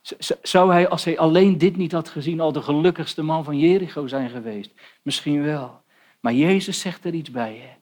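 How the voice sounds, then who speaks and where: A man's voice: a little high, moderate pace, a little mellow. Earnest man preaching a sermon. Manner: earnest, pleading, addresses young people directly.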